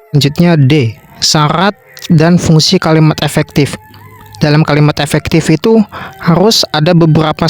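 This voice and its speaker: A teenage boy from Indonesia, a student presenter who explains loosely, with fillers and casual asides. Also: on the high side. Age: teens.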